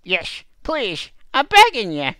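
A man voicing a timid, earnest little boy who pleads in a high, strained voice. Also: wildly swooping pitch, slow, pushed and bright, clear, resonant tone, no echo, full character voice. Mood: pleading.

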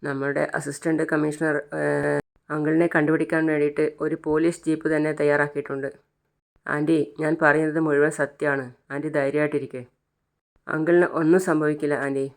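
A narrator reading a young man's earnest reassurances to his family in a flat voice. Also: mid-range voice, a little fast, close to an everyday voice. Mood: reassuring.

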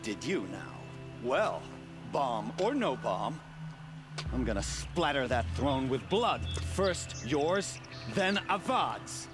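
Theatrical, wildly expressive vengeful warlord villain. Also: male voice, medium pitch, slow. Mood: taunting. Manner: theatrical, taunting, menacing. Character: vengeful, sneering male warlord villain, gloating and cruel. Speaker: villain in a video game. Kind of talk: dramatic video game acting. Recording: loud game music underneath. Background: loud game soundtrack.

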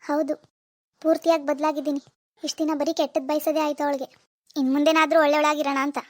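A woman's voice: high-pitched, little pitch movement, quick pace, no echo, lightly acted. A woman playing a remorseful middle-aged mother-in-law who earnestly begs her daughter-in-law's forgiveness in a homemade family drama skit. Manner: earnest, pleading, apologetic.

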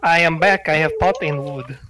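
A man's voice: fairly high pitch, moderate pace, a crowd in the background. A man joking around crudely with friends over voice chat while gaming. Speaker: gamer playing with friends.

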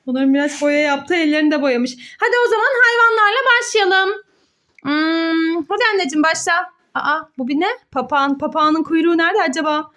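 Her high voice has a sharp tone and a fairly quick pace as she talks as a mother hosting a children's play video. Encouraging throughout, she fills her playful educational chat with the child and viewers with questions and exclamations.

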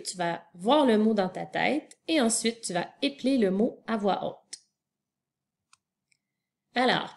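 A woman's voice: mid-range voice, a little mellow. A woman teacher giving a spelling lesson to young children, spelling words out letter by letter and talking directly to the child.

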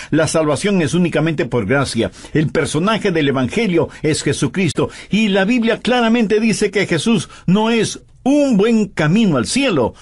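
Emphatic preacher man, lively pitch. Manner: emphatic, with pointed rhetorical questions. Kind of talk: Spanish voice-over of a sermon.

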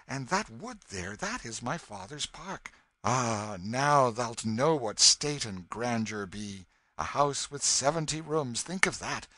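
A male narrator voicing an eager adult soldier returning home, talking excitedly in old-fashioned speech. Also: mid-range voice, no echo.

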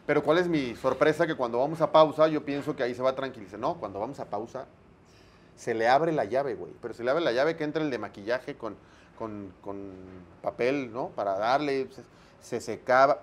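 Mexican man telling animated stories. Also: medium pitch, fairly quick. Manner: animated anecdote-telling, frequent slang, acts out dialogue. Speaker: sports broadcaster, interview guest. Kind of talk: casual storytelling interview.

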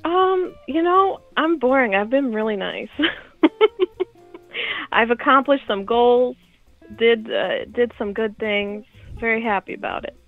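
Gravelly-voiced nervous young woman caller. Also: on the high side, animated, takes it slowly, pauses often, faint music behind. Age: 20s. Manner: nervous, giggly, soft-spoken. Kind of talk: phone-in conversation. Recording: dull lo-fi call audio.

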